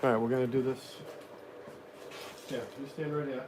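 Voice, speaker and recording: A man's voice: medium pitch, fairly even intonation, normal speed. A man in his forties with a Boston accent, chatting informally and rambling a little as he hosts a casual live stream. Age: 40s. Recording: roomy echo, distant mic, noisy.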